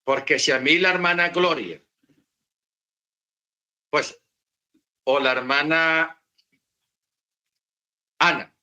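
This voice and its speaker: A man's voice: a little high, takes it slowly, long pauses, sharp tone. A man teaching about the Bible in an unscripted talk, repeating his points and asking rhetorical questions.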